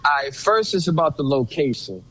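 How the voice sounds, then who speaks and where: A man's voice: fairly high pitch, very animated, a little fast, a bit bright, breathy edge, rough recording. A man from Brooklyn, a guest telling casual, streetwise stories with plenty of swearing. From Brooklyn, New York. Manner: laid-back, streetwise, profane. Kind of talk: casual storytelling chat.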